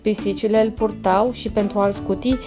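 A woman reading a children's story aloud, slow and expressive. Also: medium pitch. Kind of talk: children's audiobook narration. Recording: soft instrumental music behind.

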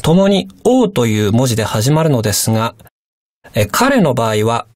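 Man teaching in a lively, animated voice. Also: mid-range voice, no echo, studio quality. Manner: polite, measured explanation. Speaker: language teacher. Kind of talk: radio language lesson.

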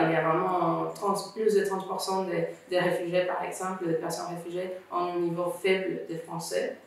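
A woman from Venezuela, a guest in an interview, earnestly explaining things step by step. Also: on the low side. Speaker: guest, founder of a refugee student association. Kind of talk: conversational interview. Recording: echoey room, distant mic.

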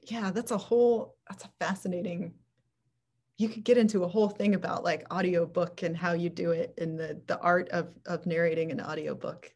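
A woman's voice: on the low side, steady tone, normal speed, a little mellow. A woman moderating a casual online book club discussion, chatty and thinking aloud over a video call.

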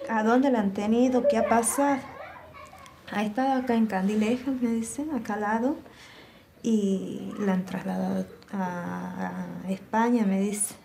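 An Argentine woman tells her own story in an interview, relaying past conversations word for word. Her voice sits a little high but has a gravelly, dark tone. A faint hiss runs underneath. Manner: recounting events by quoting dialogue, low and subdued. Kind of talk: personal testimony.

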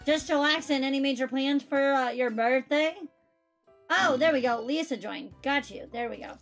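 Streaming a game, a woman in her thirties chats casually with friends in a high voice with vocal fry at a moderate pace. Soft music sits in the background, and her chatty talk is filled with "like".

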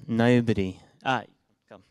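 A young man with a British accent, from Britain and Israel, gives a hesitant, casual meetup presentation into a handheld microphone, restarting often and using many fillers, with slides projected. His medium-pitched voice is steady, unhurried, smooth and a little mellow, with no echo.

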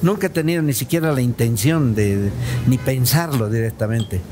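A man in his sixties from Bolivia, a comedian and dental technician, chatting as a guest in a relaxed, storytelling way and calling the host brother. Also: medium pitch, normal speed, noisy background. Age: 60s. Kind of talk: casual interview chat. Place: studio set with a round table, at night.

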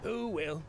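An actor playing a neurotic police officer in a cartoonish video game, wordy and self-pitying in a melodramatic way. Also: male voice, high voice. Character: neurotic, sleep-hacking male police officer, melodramatic and oblivious.

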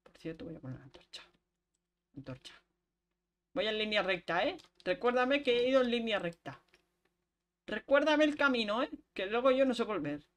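A chatty young woman, streaming a game. She keeps up a running talk with her audience and breaks into quick laughs. Her voice sits at an ordinary middle pitch. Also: big pitch swings. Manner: chatty, talks to chat while playing, quick laughs. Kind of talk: casual gameplay chat.

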